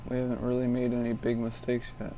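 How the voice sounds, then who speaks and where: A man giving casual, low-key gameplay commentary, muttering to himself as he plays. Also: completely flat delivery, fast, mellow, slight background noise, poor audio. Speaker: gamer playing a golf video game.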